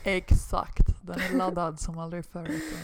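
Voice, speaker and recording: A young woman in her twenties co-hosting a casual podcast, a lively storyteller who acts out what people said. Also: on the low side. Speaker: podcast co-host, basketball player.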